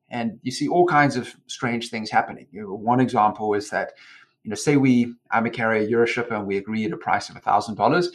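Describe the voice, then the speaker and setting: A South African man in his forties, a company founder, giving measured explanatory answers in an interview, trailing off with "et cetera". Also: medium pitch. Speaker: guest, company co-founder and CEO.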